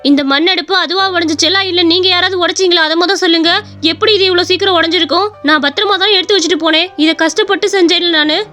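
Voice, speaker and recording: A woman voicing a hardworking elder daughter-in-law in a cartoon story, shrill and protesting. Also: fairly even intonation, quick pace, fairly bright tone, smooth, faint music behind. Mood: indignant.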